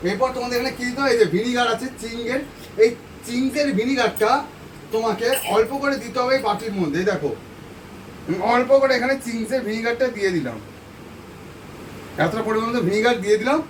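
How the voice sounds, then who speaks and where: High-voiced man demonstrating a home recipe. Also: fast talker, a little hiss or hum. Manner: repetitive, instructive, addresses viewers directly. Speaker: home cooking channel host. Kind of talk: step-by-step cooking demonstration. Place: home kitchen at the stove. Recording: voice from a distance off the mic. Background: frying sizzle and stirring.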